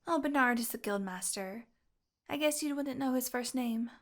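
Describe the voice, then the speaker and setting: In an audio roleplay, a woman with a high voice speaks at a normal speed as a possessive fantasy healer. She is teasing and condescending, coaxing the listener with sweet menace and a domineering streak, and her mood is one of cold explanation.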